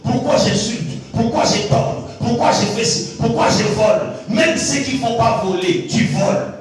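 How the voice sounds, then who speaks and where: A man preaching a sermon. He repeats words for emphasis and swings from low asides to shouted high lines. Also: normal speed. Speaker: pastor. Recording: very echoey, distant from the mic, faint music.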